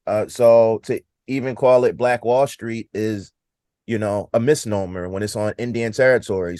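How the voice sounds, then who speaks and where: A man answering as a podcast guest, explaining things in a measured, informative way. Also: fairly low pitch, darkish tone, clean tone, dry recording.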